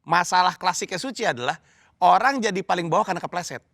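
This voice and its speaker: A man's voice: high-pitched, expressive, fast, vocal fry, a bit bright, no echo, clean studio sound. A man, a comedy judge giving direct, coaching feedback to a comedian.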